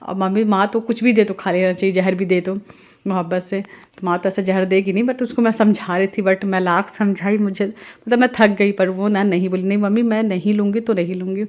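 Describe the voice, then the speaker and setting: A woman's voice: medium pitch, fairly even intonation, normal speed. A middle-aged woman from India talking casually as she cooks, rambling through family news and heartfelt advice. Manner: chatty, rambling, warm-hearted advice with religious phrases. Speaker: family vlogger and mother. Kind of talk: casual voice-over while cooking.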